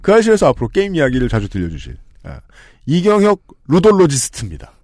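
A fast-talking man with a high-leaning voice reads game lists on his podcast, punctuating them with jokes and laughs. The studio recording has no echo, and the show mixes casual chat with scripted segments.

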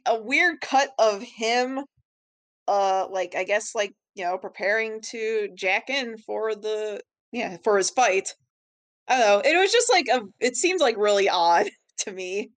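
A woman's voice: a little high, a bit bright. A woman co-hosting a podcast in loose, casual chat. She laughs often and leans on fillers and restarts as she recaps an episode with her co-host.

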